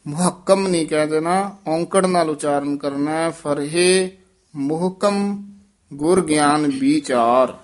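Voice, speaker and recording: A man teaching scripture recitation, chanting verses slowly and breaking off to correct pronunciation. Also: a little high. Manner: slow sung recitation broken by quick spoken corrections.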